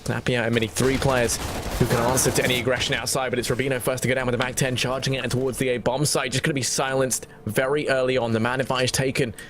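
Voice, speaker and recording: A man's voice: mid-range voice, little pitch movement, fast talker, noisy background. Man calling esports play-by-play, dramatic flow. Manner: flowing, dramatic match-calling with colourful flourishes. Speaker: esports caster. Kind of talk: esports play-by-play commentary on a shooter match.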